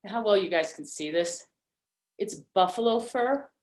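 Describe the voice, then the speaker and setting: Woman, host, video call mic, chatty, halting, medium pitch. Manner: chatty, halting, with many fillers. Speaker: event host. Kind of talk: casual talk on a video call.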